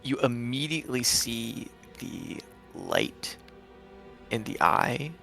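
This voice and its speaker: A man acts as game master in a casual, sweary way. His voice is full of fry and moves around a lot in pitch as he narrates and chats with players. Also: animated, takes it slowly, bright, forceful tone, soft background music, poor audio. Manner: casual, profane.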